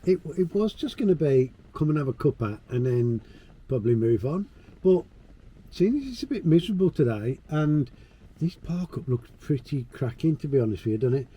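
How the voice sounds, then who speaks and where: A man's voice: mid-range voice, lively intonation, normal speed, warm tone, slightly rough. A British man vlogging in casual, laid-back conversation with informal phrasing. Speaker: travel vlogger. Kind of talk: casual chat to camera. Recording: location sound with faint noise.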